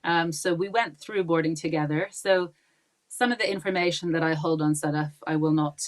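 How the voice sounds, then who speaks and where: A woman in her forties who grew up in Pakistan is a podcast guest, her voice sitting low and moving at a normal speed. She chats warmly and readily in a casual interview, laughing often between thoughts and saying um a lot.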